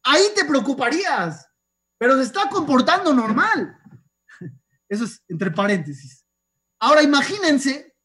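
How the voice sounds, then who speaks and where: A rabbi giving a sermon, telling stories and asking his listeners questions. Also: very high-pitched. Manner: lively storyteller asking the audience rhetorical questions. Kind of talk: sermon with storytelling.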